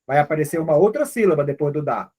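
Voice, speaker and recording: A man's voice: fairly high pitch, animated, fast, a little mellow, breathy edge. A man with a Brazilian Portuguese accent teaching an online language class in an informal, patient way, often checking that students follow. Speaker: Hebrew teacher.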